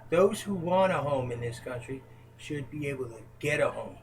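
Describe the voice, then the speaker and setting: A man's voice: on the high side, expressive, moderate pace, a little hiss or hum, poor audio. A man answering interview questions as a presidential hopeful in a casual home chat, earnest and emphatic.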